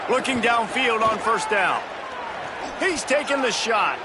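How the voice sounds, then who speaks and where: A man's voice: very high voice, lively intonation, unhurried, very noisy. An American man giving play-by-play commentary on a football game. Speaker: play-by-play announcer. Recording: loud music and stadium crowd behind. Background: loud music, roaring crowd.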